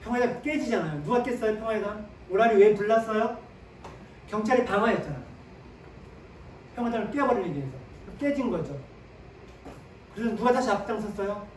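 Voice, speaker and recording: A man with a fairly high voice lectures on history, quizzing his audience with questions and then answering them himself. He is picked up from a distance in an echoey lecture room, with faint ambient noise behind him. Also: fairly quick, long pauses. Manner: sprinkles short "네" affirmations while explaining.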